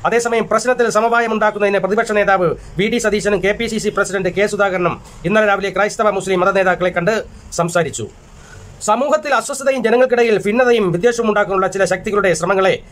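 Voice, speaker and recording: A man reading newspaper stories aloud in a steady, formal manner, with small restarts now and then. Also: high-pitched. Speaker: newsreader. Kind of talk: read-aloud newspaper headlines.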